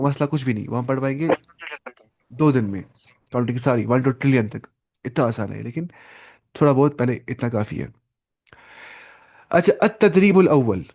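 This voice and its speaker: A man teaching an online Arabic class, patiently repeating each word slowly for his student over a video call. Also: medium pitch, a little mellow.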